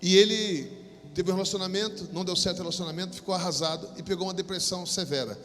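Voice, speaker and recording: A middle-aged Brazilian man preaching a sermon as pastor, swelling into bursts and then dropping low to tell a story. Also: steady tone, fast talker, fairly bright tone. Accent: Brazilian Portuguese. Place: church hall. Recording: long reverb of a church hall.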